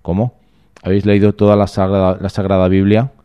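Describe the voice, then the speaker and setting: A man's voice: sits low, completely flat delivery, a little fast, clean tone, muffled recording, lightly acted. A man reading the lines of a stern, condescending village priest in a storybook reading. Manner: condescending, questioning. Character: stern middle-aged male village priest.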